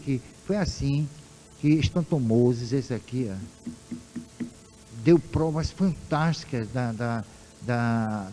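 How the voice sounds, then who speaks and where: A Brazilian man with a dark, mellow voice teaches an informal class. He speaks animatedly, turning to his listeners with rhetorical questions. He acts out quoted exchanges as he goes. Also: mid-range voice, a little hiss or hum, low-quality recording. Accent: Brazilian Portuguese. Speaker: spiritist lecturer and researcher.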